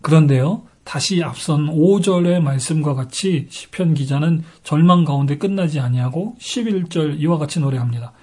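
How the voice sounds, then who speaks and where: High, warm-voiced male pastor preaching. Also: moderate pace, hardly any pauses, husky. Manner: earnest, emphatic preaching. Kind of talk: sermon.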